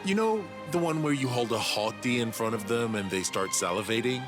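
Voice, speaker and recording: A man with a medium-pitched, animated, slightly fast and lightly acted voice plays an eager, cocky young alien inventor in a video game cutscene. The character explains things eagerly and condescendingly, with music in the background.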